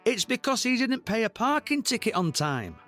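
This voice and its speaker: A man's voice: very high voice, big pitch swings, normal speed, fairly bright tone, soft background music, voice pushed up, full character voice. A man voicing a timid male defence lawyer who hesitates and pleads with the judge. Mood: pleading.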